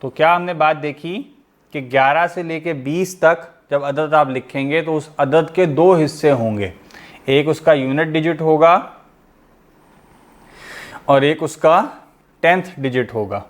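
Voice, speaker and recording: A man's voice: fairly high pitch, measured pace, long pauses. A man teaching a grammar lesson over an online class. He explains step by step, asking the class questions and then answering them himself.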